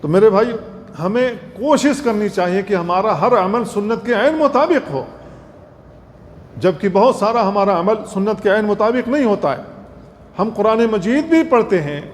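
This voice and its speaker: A male Islamic scholar giving an earnest religious lecture, repeating points and slowly demonstrating recitation. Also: sits high, expressive. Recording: long hall reverb, faint noise.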